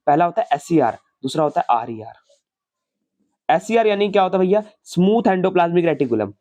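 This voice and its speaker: A man's voice: a little high, a little mellow. A man teaching a science class in a casual, chatty way, asking questions and answering them himself and explaining with homely family stories.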